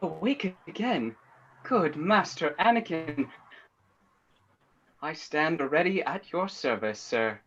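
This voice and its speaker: This is a prim, polite butler robot, as a man acts him out in a verse radio play, formal and eager to serve. The voice sits a little high and takes its time over each phrase. The recording is dull and lo-fi. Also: lively intonation, slow, pauses often, fairly bright tone, a little hiss or hum, heavily acted. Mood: deferential.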